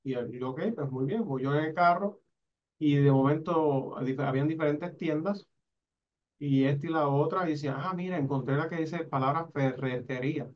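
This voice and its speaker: A man from Rico, telling his life story in an interview, halting and restarting often and tagging his sentences with a question. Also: on the high side, distant mic, muffled recording. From Puerto Rico. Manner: halting, with frequent restarts and a repeated tag question. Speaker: interviewee, sign language interpreter.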